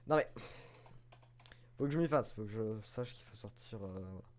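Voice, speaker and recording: A man's voice: lowish voice, animated, moderate pace, darkish tone. A man giving casual, self-mocking commentary while playing a video game, swearing and chuckling now and then. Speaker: let's play host.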